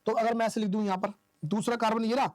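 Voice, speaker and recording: A man's voice: sits high, steady tone, fast, no echo. A man teaching chemistry in a classroom-style lecture, asking questions and answering them himself while counting aloud. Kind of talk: classroom lecture explaining isomer naming.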